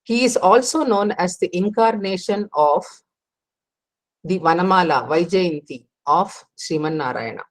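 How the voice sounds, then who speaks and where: Woman teaching a scripture class. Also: fairly low pitch. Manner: explanatory, with frequent pauses and restarts. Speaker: religious teacher.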